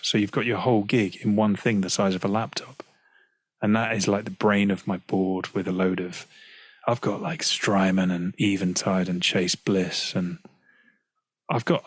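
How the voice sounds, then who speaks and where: Husky relaxed British man. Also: lowish voice, no room sound. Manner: relaxed, chatty, laughs easily, frequent "you know". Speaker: guest singer-songwriter. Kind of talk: casual conversational interview. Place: at home practicing, on a call.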